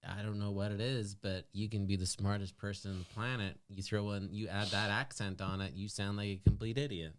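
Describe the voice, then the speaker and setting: A man's voice: lowish voice, fairly even intonation, fairly quick, hardly any pauses. A man co-hosting a casual podcast chat, telling stories animatedly and swearing casually. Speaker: podcast co-host.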